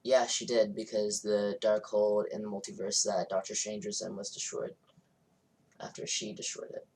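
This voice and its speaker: A man's voice: fairly low pitch, monotone, moderate pace, darkish tone, a little hiss or hum. A man co-hosting a podcast, chiming in with short remarks and questions in casual chat. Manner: brief interjections and questions. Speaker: podcast co-host. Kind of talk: casual movie review chat.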